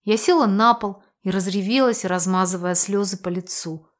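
A woman narrating a first-person audiobook romance in an expressive, emotional reading style. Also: medium pitch, moderate pace.

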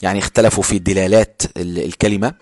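A man with an Egyptian Arabic accent teaching a religious text at a very rapid clip. He reads formal passages, then explains them in everyday speech, often stumbling and restarting words. The recording is dry and close, with no room sound. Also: deep voice, steady tone, darkish tone, dry recording. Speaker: sheikh teaching a classical text. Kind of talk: lecture reading a text and explaining it.

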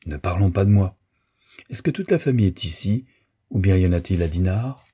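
A man reading a weary, gently gruff gentleman. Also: low-pitched, animated, brisk. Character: weary middle-aged man meeting a child. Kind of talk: audiobook dialogue reading.

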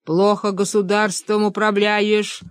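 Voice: mid-range voice, little pitch movement, takes it slowly, smooth, no room sound, close to an everyday voice. An audiobook reader voicing a bossy older man who blusters and gives orders, close to the reader's own voice. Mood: blustering. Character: bossy older man, rebel father-in-law.

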